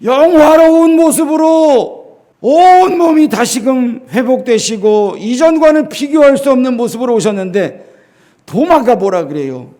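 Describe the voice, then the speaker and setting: A middle-aged man preaching a sermon as a pastor in a church, emphatic, with rhetorical questions to the congregation and sudden drops to a quiet voice. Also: expressive, a little slow. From South Korea. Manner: swings between loud emphasis and low, quiet lines.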